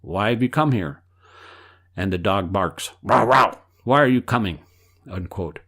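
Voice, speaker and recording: A man reads an elderly spiritual teacher's part from a book, patient and instructive, speaking the quote marks aloud in a measured delivery. His voice sits a little low, yet the tone is animated, fairly bright and exaggerated. He is explaining.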